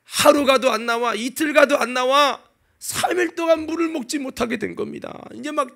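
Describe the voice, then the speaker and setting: Here a man with a very high, creaky voice preaches at a moderate pace, turning his sermon into lively storytelling. He alternates between booming exclamations and softly spoken asides while peppering the congregation with rhetorical questions.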